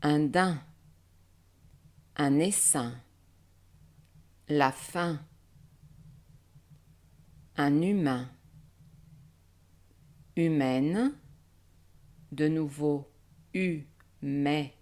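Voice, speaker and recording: A woman teaching French nasal vowels, saying words slowly and breaking them into syllables. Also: low-pitched, darkish tone. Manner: slow, deliberate, syllable by syllable. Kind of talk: slow pronunciation drill.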